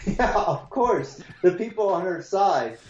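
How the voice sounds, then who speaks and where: A man's voice: high voice, expressive, slow, a little mellow, a little hiss or hum. A man co-hosting a podcast in casual chat, hesitant with many fillers, his voice hollow and echoing as if he talks from inside a hole. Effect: hollow echo, sounds like talking from inside a hole. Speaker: podcast co-host. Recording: echoey, muffled remote line.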